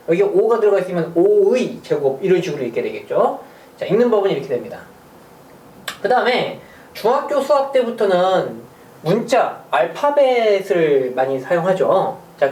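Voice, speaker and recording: A teacher talks through a math lesson with a voice that swings lively up and down, throwing out questions and little jokes. The sound is roomy, picked up from a little distance. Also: medium pitch. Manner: chatty, asks rhetorical questions, small jokes. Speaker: middle school math teacher. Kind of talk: recorded online math lecture.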